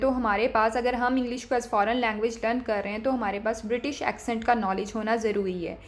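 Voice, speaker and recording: Higher-voiced woman lecturing calmly. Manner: explanatory, pauses with filler sounds, switches into English terms. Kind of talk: classroom-style lecture.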